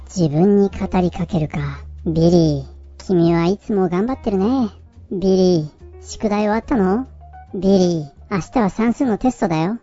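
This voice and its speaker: A man putting on a higher, playful voice to cheer himself on, poking fun at himself. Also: normal speed, warm tone, lightly acted. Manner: playful, self-mocking. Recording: dull lo-fi audio, faint music.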